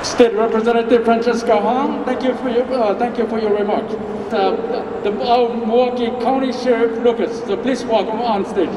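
A man making halting stage announcements as an emcee. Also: very high-pitched, fairly even intonation. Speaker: event emcee. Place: large hall, on a stage. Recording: echoey hall from far off, loud noise.

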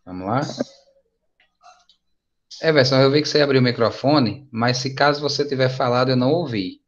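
This English teacher speaks with a Brazilian Portuguese accent and runs his lesson by video call in a relaxed, patient, encouraging way. He talks at a normal speed with a medium pitch. The recording has the dull, lo-fi quality of online class audio.

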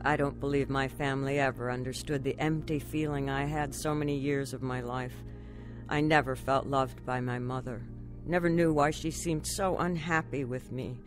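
In a radio drama, an actress with a bass voice plays a troubled, anxious young woman earnestly recounting her life story. Her delivery is somber and confiding, with fairly even intonation at normal speed, narrating and acting her testimony over background music.

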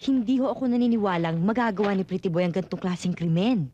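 An earnest police officer played by a woman speaks in a mellow, reassuring way. The old film sound is dull and lo-fi. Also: medium pitch, fast talker, a little hiss or hum, close to an everyday voice.

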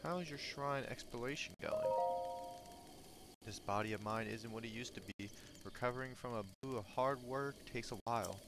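A man reading a lonely old hermit's lines in a slow, earnest, theatrical voice. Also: medium pitch, music in the background, natural voice. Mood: wistful. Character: lonely old male hermit, gentle and wistful. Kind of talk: reading game dialogue in a put-on voice.

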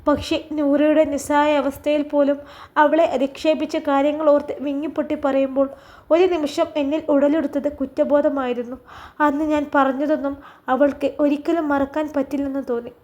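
A woman from Kerala narrates an emotional story. She speaks softly and earnestly in a high voice. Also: flat delivery, a little fast, muffled recording.

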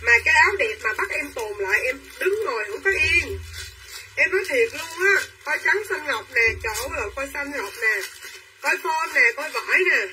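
A young woman selling clothes on a livestream, talking quickly and pushing viewers to claim items. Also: high voice, lively intonation, distant mic, a crowd in the background, poor audio. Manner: quick and pushy, urging buyers to claim items. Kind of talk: live-selling chatter to viewers.

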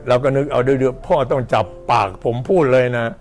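An older male monk tells a story to his listeners in an animated, chatty way. His voice sits at a middle pitch, and he often breaks into a chuckle. Faint music plays behind him. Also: fairly quick. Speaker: Buddhist monk. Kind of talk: sermon storytelling.

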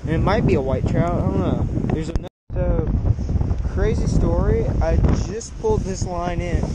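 A man filming his own fishing trip on a windy beach, muttering a running commentary to himself with a body-worn camera. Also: high-pitched. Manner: muttering to himself, quick reactions. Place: windy ocean beach outdoors. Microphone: action camera at chest height. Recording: loud wind noise on the mic. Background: surf and wind.

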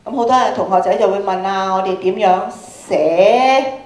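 Speaking into a handheld mic in a big indoor school auditorium, a woman with a Hong Kong Cantonese accent runs a radio drama workshop, quizzing students and repeating phrases for emphasis. Her mid-range voice has a darkish tone and a moderate pace, and the PA sound echoes through the hall.

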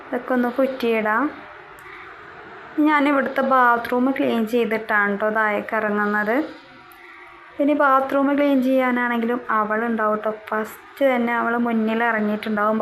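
A young woman talks through her daily chores in a relaxed, chatty voice-over, her voice sitting a little high. She keeps tagging a small word onto the end of her sentences. A faint household hum sits behind her. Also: moderate pace, rough recording. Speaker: vlogger.

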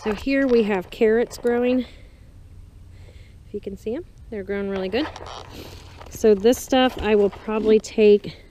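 Speaking in a mid-range, dark-toned voice, this woman vlogger casually shows off her garden, stopping briefly between short bits of speech. She's outside, in a small greenhouse and an open farm garden. An action camera's onboard mic, either worn or held, captures her along with clear background noise from outdoors.

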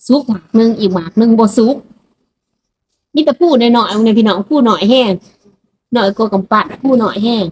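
A woman's voice: on the high side, a little fast, pauses often, a little mellow, low-quality recording. A woman from Laos with a Lao accent, chatting casually to her viewers in a food vlog and keeping up a friendly running talk. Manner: chatty, keeps addressing viewers as brothers and sisters. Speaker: vlogger.

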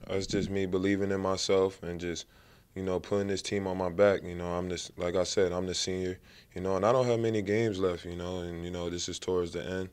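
Young male athlete, very deep, flat and smooth, relaxed "you know" delivery. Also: brisk. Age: young adult. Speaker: college basketball player. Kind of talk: post-game interview. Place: press backdrop at an arena. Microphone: handheld mic held by interviewer.

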